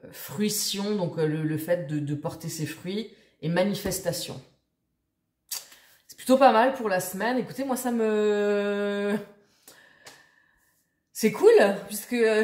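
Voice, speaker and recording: A woman's voice: fairly low pitch, darkish tone, echoey room. A woman vlogger chatting casually to her viewers, rambling with many fillers and restarts. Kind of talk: casual chat to camera.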